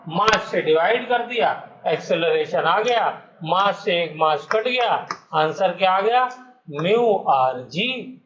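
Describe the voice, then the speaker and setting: Male teacher, high voice, quizzing his class, dull muffled recording. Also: roomy sound, background noise. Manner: quizzes students, coaxing answers step by step. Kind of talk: classroom physics lesson.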